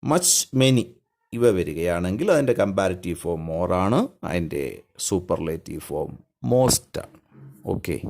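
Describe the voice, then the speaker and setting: A Malayali man giving a classroom grammar lesson in a lowish, gravelly voice. His pitch rises and falls a lot as he works through examples. He poses questions and answers them himself with patient care. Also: lively intonation, normal speed, darkish tone. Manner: patient, explains step by step, asks and answers his own questions. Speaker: English teacher.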